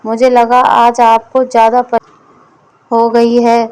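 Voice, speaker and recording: A woman's voice: fairly high pitch, completely flat delivery, slow, a little mellow, smooth, poor audio. A woman voicing a cheeky, literal-minded male servant answering his master back in a storybook.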